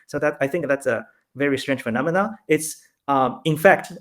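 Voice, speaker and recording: A man's voice: on the high side, moderate pace, fairly bright tone. A young man from Taiwan, a polyglot guest, chatting in a friendly way over a video call and laughing often. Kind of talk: casual interview answers.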